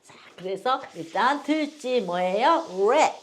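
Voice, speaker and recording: A woman's voice: mid-range voice, lively intonation, measured pace. A woman teaching English phonics to older learners, patiently repeating each word for them to copy.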